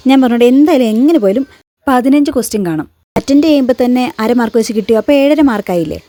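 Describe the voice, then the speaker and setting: A woman playing a lazy student who loudly boasts she can bluff through any exam. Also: fairly high pitch, expressive, racing, no echo, natural voice. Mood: boastful. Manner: loud, boastful reassuring.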